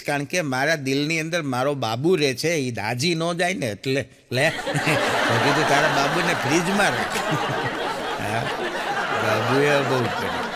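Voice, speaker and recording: Lively stand-up comedian man. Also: fairly high pitch. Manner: animated storyteller, acts out quoted characters. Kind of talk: stand-up joke telling. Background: audience laughter.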